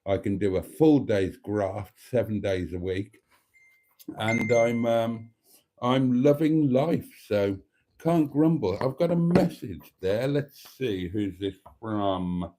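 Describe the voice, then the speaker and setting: Against a noisy background, a British man in his fifties hosts a live stream, speaking slowly at a fairly low pitch. He chats casually and rambles with frequent ums, self-deprecating and calling his viewers darlings.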